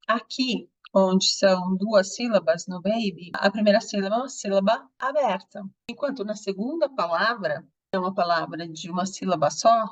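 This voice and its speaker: A woman teaching in a video lesson, with Portuguese as her first language. She explains step by step and asks rhetorical questions as she goes. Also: medium pitch. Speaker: English teacher.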